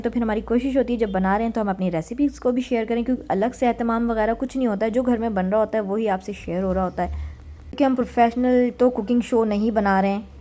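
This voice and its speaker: A woman's voice: fairly high pitch, dark tone. Woman in her thirties, cooking vlogger voice-over, chatty and homely, mixes in English words. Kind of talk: casual voice-over narration. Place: home kitchen.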